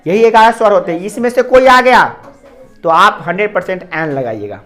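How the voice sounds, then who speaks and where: A man's voice: high-pitched, lively intonation, brisk, fairly bright tone, faint music behind. A man teaching a grammar lesson to a class. He repeats each point and keeps asking whether the students have understood.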